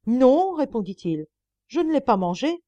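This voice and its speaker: A woman's voice: medium pitch, very animated, normal speed, dark tone, no echo, highs cut off, voice pushed up. Woman voicing a greedy scheming monk. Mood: pleading. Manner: pleading, grasping.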